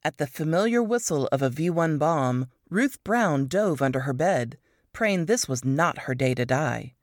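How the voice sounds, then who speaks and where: Woman reading a novel excerpt, lowish voice that swoops all over, super dry close sound. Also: unhurried, no room sound. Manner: expressive storytelling, swooping pitch. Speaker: reader of a book excerpt. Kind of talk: scripted narration.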